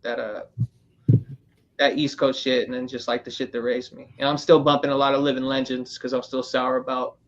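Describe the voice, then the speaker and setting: A man's voice: medium pitch, little pitch movement, a little fast, muffled recording. A man hosting a casual roundtable podcast, talking loosely with lots of fillers, from Northern California. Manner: loose, rambling, filler-heavy. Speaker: podcast host.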